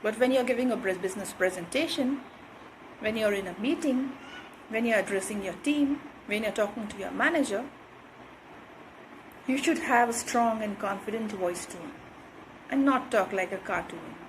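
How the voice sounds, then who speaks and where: A woman's voice: mid-range voice, normal speed, long pauses, noisy background. A woman giving an instructional talk on communication skills, repeating her points and checking in with "right?".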